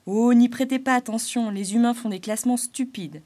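A woman's voice: on the high side, moderate pace, mellow, voice pushed up, natural voice. A woman voicing a cheerful male harlequin spirit bouncing on a spring, exclamatory and eager in a storybook reading. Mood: delighted.

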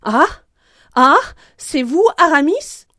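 A woman voicing a bold, boastful male musketeer in a read-aloud story, calling out in a loud, blustering way. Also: high-pitched, animated, takes it slowly, voice pushed up, heavily acted. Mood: surprised.

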